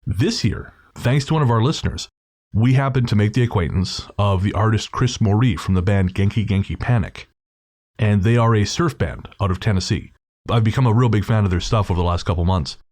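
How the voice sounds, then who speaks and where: Brisk and a bit mellow, with a voice on the low side, the male podcast host breezes through an episode introduction. His manner with listeners is casual, informal, and slangy.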